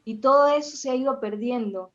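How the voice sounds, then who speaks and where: A woman in her forties from Venezuela with a Venezuelan accent, sharing a measured, hesitant comment as a participant. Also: fairly high pitch, a bit bright, highs cut off. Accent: Venezuelan Spanish. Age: 40s. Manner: measured, hesitant, with many fillers. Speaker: audience participant, accountant. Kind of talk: conversational comment.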